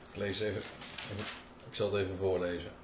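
A man's voice: sits low, little pitch movement, quick pace, background noise. A man preaching a sermon, reading out scripture verses and explaining them emphatically. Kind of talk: sermon, Bible exposition. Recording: roomy, dull lo-fi recording.

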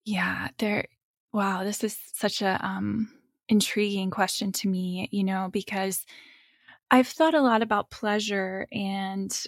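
A woman guest talking through ideas in a thoughtful, unhurried way, with frequent fillers. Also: medium pitch, steady tone, dry recording, clean studio sound. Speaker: guest, spine and energy teacher. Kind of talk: reflective interview talk.

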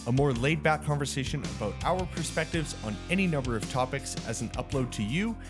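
Male podcast co-host. Casual, bantering, medium pitch, loud music bed under the voice. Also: animated, brisk. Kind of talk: casual banter and show intro.

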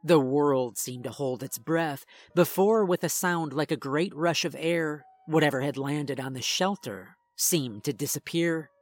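A man reading a first-person horror story in a tense, measured way. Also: on the high side, no echo. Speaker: narrator. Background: faint music.

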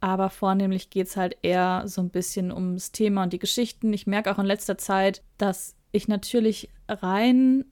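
A thirty-year-old woman from Germany's Ruhr area co-hosts a podcast, chatting eagerly in a medium-pitched, darkish voice with level tone, moderate pace and few pauses. The recording is dry and studio quality.

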